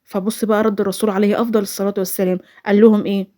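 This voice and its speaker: A woman's voice: mid-range voice, flat delivery, racing, mellow. A woman in her twenties with an Egyptian Arabic accent, telling a personal story in a chatty, rambling voice-over full of restarts. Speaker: vlogger.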